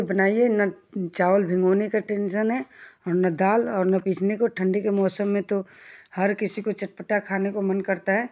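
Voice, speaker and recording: A woman hosting a home cooking channel speaks at an ordinary middle pitch with a darkish tone. Chatty and homely, she gives casual step-by-step instructions, explaining each one as she works at the stove.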